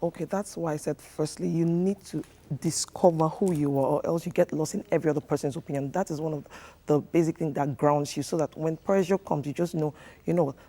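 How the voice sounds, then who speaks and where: A man's voice: on the high side, steady tone, a little fast, dark tone. A man, a relationship coach giving earnest, instructive advice in a TV studio interview, with many fillers.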